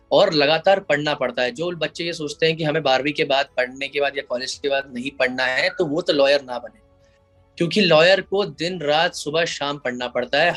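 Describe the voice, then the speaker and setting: A man's voice: a little high, a bit bright. A man who is an advocate, answering interview questions in an explanatory way and slipping English phrases into his Hindi. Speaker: advocate and IP lawyer.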